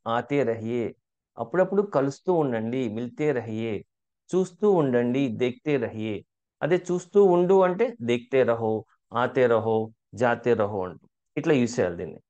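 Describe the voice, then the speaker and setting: A man teaching a language lesson, asking learners questions and saying phrases slowly for them to repeat. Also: mid-range voice, darkish tone, dull audio. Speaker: spoken Hindi teacher. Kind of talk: language lesson, drilling example sentences.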